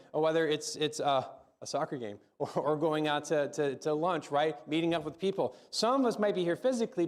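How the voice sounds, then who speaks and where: A man preaching a sermon and praying in a church service, speaking conversationally and often restarting and repeating words. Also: fairly high pitch. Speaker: pastor. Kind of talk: sermon with spoken prayer. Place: church service, also live-streamed.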